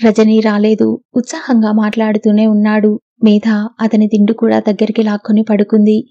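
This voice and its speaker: Woman narrating an audiobook in a steady, mellow voice. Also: mid-range voice, moderate pace, no echo. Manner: steady, even storytelling. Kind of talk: scripted narration. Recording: dull, dry lo-fi recording.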